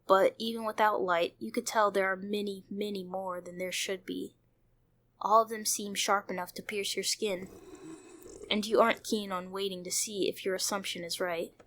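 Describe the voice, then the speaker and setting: A woman who hosts a video game playthrough channel reads visual novel narration aloud and adds her own commentary over background music. Her voice sits in the mid range with a fairly bright tone.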